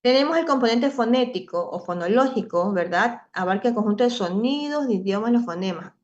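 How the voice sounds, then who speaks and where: A woman's voice: fairly high pitch, lively intonation, a little fast. A middle-aged woman teaching a class, explaining step by step and often checking in with her students. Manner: explanatory, often tags ¿verdad?. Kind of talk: online class lecture. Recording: slightly dull lo-fi audio.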